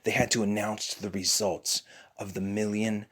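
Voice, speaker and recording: Adult man, relaxed father spinning a made-up bedtime story in a dark bedroom. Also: lowish voice, moderate pace. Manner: relaxed, chatty storytelling with playful asides.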